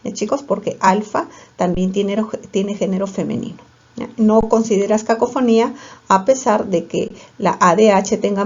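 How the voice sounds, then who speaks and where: A woman's voice: mid-range voice, a little mellow. A woman teaching a grammar lesson, asking questions and answering them herself. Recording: slightly dull lo-fi audio.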